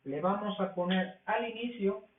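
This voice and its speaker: A man teaching a language class, explaining rules slowly and asking questions that he answers himself. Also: high voice, heavy background noise. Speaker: English teacher. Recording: tinny, echoey, from far off the mic.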